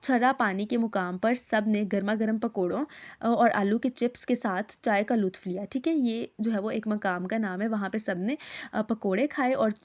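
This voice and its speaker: A woman's voice: medium pitch, normal speed, a little mellow. A woman teacher from Pakistan leads a recorded Urdu lesson for her students. She reads the text aloud, explains each hard word in plain terms and keeps checking with "okay?".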